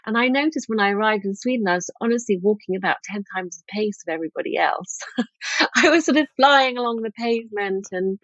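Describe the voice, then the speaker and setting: A woman's voice: mid-range voice, lively intonation, fairly quick, a bit bright, no room sound. Middle-aged woman guest, storytelling with ums, dull close recording. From England. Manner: chatty, storytelling, frequent ums. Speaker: guest author. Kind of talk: casual podcast interview.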